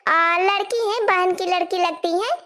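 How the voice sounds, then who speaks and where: A woman voicing a bossy, scolding mother-in-law in a cartoon, with a very high voice. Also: a little slow, pushed and bright, exaggerated voice. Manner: nagging, lecturing. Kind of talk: cartoon voice acting.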